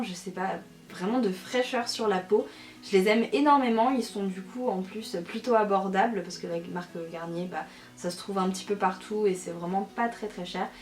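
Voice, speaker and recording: A woman talking casually and effusively as a lifestyle and beauty vlogger, chatting through her favourites. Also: medium pitch. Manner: enthusiastic, effusive. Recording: roomy echo, music behind. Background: music.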